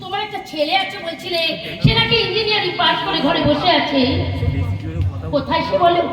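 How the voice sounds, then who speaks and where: Distant echoey stage, woman acting concerned plaintive questioner, hammy folk-theatre delivery, extremely high voice. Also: a little fast, crowd noise. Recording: echoey far-off stage recording with music.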